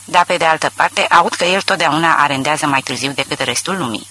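A man voicing a sly, genial male horse trader with a smooth, drawling way of talking. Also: fairly high pitch, sharp tone, a little hiss or hum.

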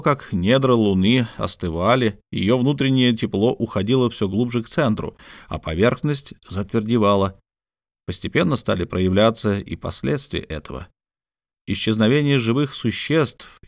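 A man voicing a calm, learned scholar who explains patiently in a storybook reading. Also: on the low side, no echo, clean studio sound, close to an everyday voice. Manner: measured, explaining.

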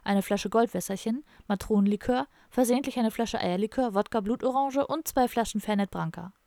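A woman's voice: on the high side, brisk, creaky, dark tone, dry recording. A woman narrating a comic audiobook in a dry, matter-of-fact storytelling manner, recorded close on a studio mic.

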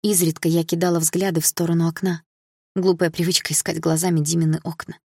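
Woman reading a novel out loud, lowish husky voice, dry close sound. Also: little pitch movement, fast talker, no room sound. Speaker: audiobook narrator. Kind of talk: first-person novel reading.

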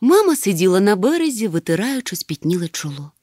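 Expressive woman reading a storybook. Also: medium pitch, fairly quick, no echo, clean studio sound. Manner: expressive, lively. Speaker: audiobook narrator. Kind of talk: storybook narration.

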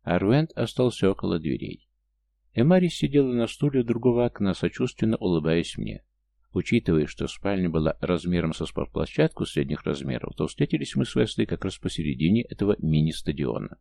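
A man narrating a first-person fantasy audiobook in a steady, matter-of-fact way. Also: low voice, brisk, vocal fry, no room sound.

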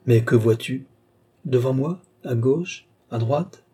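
A man's voice: medium pitch, slow pace, mellow, breathy edge. A man playing an ardent, passionate mesmerist who questions his entranced lover eagerly and urgently.

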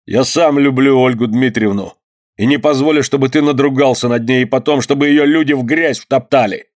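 A man reading a story aloud and voicing a fierce, impassioned outlaw in a raised, forceful voice. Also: medium pitch, lively intonation, normal speed, pitched above the performer's own voice. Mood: defiant. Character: fierce male outlaw, loyal but defiant.

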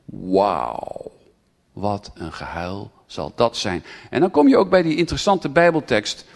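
A man preaching a sermon to a gathered audience, speaking directly to them and swelling to near shouts when he reads scripture. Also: lowish voice, animated, unhurried, vocal fry. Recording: reverberant hall recording.

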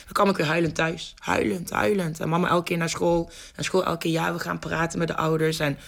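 A young woman, telling a personal story in a radio interview with vivid, animated delivery and frequent restarts. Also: on the low side, fairly quick, vocal fry. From Netherlands, North Brabant. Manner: lively, vivid storyteller who restarts sentences and acts out scenes.

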